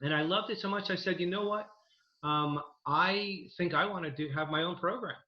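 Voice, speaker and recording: A man in his fifties from New Jersey, a dental program director, talks earnestly about his career in a slightly high voice. His speech is full of fillers and restarts. The video-call audio sounds roomy and muffled. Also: moderate pace. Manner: earnest, enthusiastic storytelling with many fillers. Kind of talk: interview over video call.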